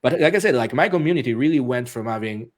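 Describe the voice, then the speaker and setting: Halting, soft-spoken male interview guest. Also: mid-range voice, expressive. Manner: halting, many restarts and fillers, laughs often. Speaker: interview guest, author and musician. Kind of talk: casual interview talk.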